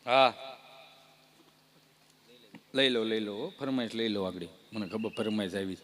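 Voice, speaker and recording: A male stand-up comedian, telling jokes in an animated way and putting rhetorical questions to the crowd. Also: lowish voice, unhurried.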